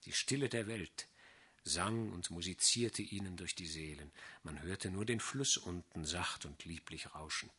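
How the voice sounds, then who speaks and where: A middle-aged man reading a classic novella aloud in measured, expressive literary narration. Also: low-pitched, slightly rough. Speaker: audiobook narrator.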